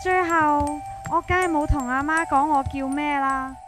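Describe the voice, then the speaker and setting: A woman with a Hong Kong Cantonese accent narrates a scripted horror story in the first person as its main character, colloquial and expressive, acting out the dialogue. Her voice sits high and her pace is measured, with soft music playing underneath.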